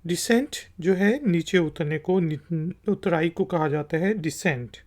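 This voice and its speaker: Slow, patient teacher spelling words out. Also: mid-range voice, a little mellow. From Pakistan. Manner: spells words out letter by letter, then repeats the word; patient and repetitive. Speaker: language teacher. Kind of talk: explanatory lesson.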